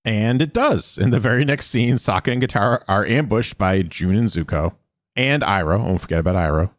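A man co-hosting a podcast, reading a scene recap in casual chat and dropping into quick voiced quotes with fillers. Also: lowish voice, dry recording, studio quality. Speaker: podcast co-host recapping episodes.

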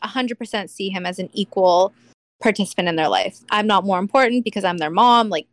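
A woman's voice: medium pitch, fairly quick, no echo. A woman in her thirties, a podcast guest, talking in a casual, heartfelt way, with lots of fillers. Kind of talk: casual chat.

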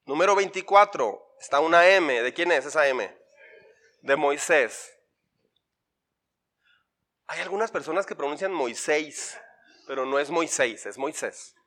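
A man's voice: on the high side, lively intonation, measured pace, long pauses, sharp tone. A man, a pastor leading an interactive Bible workshop in church. He talks playfully and drills the listeners with repeated lists and questions. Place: church before a congregation.

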